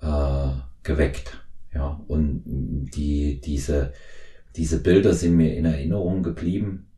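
A man in his fifties hosts a relaxed interview, pausing often and filling gaps with small hesitations. His voice sits very low and sounds mellow and dark. The room adds a clear echo around him. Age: 50s. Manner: hesitant, many fillers and restarts. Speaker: podcast host. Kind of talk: conversational interview.

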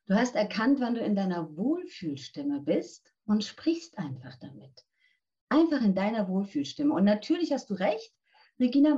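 A woman in her fifties speaks as a voice coach, earnest and direct, handing out practical advice to the listener. Her voice sits at an ordinary pitch for a woman, and the recording sounds a little dull and lo-fi. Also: dark tone. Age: 50s. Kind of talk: interview answers, coaching tips.

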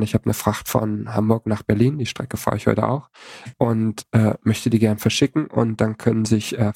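A man's voice: lowish voice, vocal fry, darkish tone, husky, dry recording, clean studio sound. A man co-hosting a podcast, asking long, rambling, curious questions. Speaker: podcast co-host. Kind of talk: casual podcast chat.

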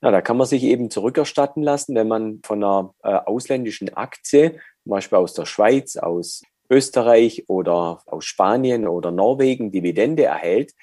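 A man explaining dividends and withholding tax as an interview guest, measured and with frequent hesitations. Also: fairly low pitch, dark tone, dry recording, clean studio sound.

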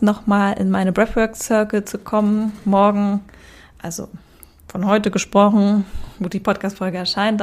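A woman's voice: mid-range voice, a little mellow. A woman talking casually as a podcast host.

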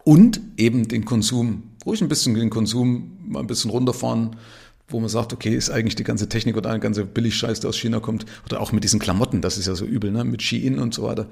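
Speaking quickly in a lowish voice that's creaky yet a little mellow, a man in his 50s runs a casual one-person podcast. He talks emphatically and conversationally, often ending lines with tag questions.

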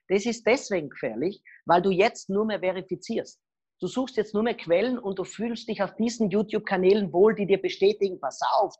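Husky-voiced woman giving advice. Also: mid-range voice, dull audio. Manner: lively storytelling with acted quotes. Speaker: guest expert on body language. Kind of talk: podcast interview.

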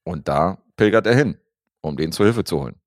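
A man co-hosting a podcast, reviewing a film in a relaxed, rambling way with lots of fillers. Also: low-pitched, moderate pace, no room sound, clean studio sound. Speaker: podcast co-host reviewing films. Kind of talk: casual chat.

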